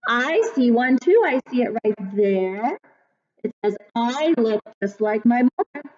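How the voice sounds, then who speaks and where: A woman teacher speaks to small children as if reading to a toddler, slowly and in simple, encouraging phrases. Her voice sits high. It is picked up in an echoey classroom on a slightly dull device microphone. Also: expressive, a little mellow. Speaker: kindergarten teacher. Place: classroom, indoors.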